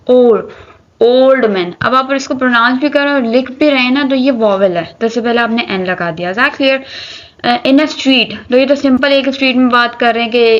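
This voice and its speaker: A woman teaching English articles, reading example sentences slowly and explaining them briskly while checking that students follow. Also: fairly high pitch, a bit bright. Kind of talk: grammar lesson explaining articles. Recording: dull lo-fi recording.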